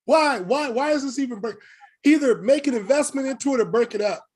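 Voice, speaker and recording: A man's voice: very high voice, brisk, a little mellow, breathy edge. A man co-hosting a podcast, ranting emphatically and with exasperation about wrestling storylines. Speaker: podcast co-host. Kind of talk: casual wrestling chat.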